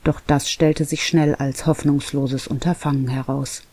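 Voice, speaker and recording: Calm warm storybook narrator. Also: mid-range voice, unhurried, dry recording. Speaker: audiobook narrator. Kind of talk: scripted narration.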